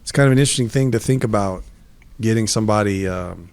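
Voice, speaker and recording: A low-voiced man with a gravelly edge hosts a casual comedy podcast. He rambles in a self-deprecating way and laughs often. The close mic gives a dry sound. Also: quick pace, a little mellow, dry recording.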